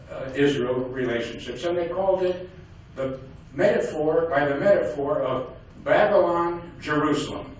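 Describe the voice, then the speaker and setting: An older man giving a speech to a community audience, halting with many fillers and restarts. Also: fairly high pitch, slight background noise. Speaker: guest speaker. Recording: echoey hall from far off.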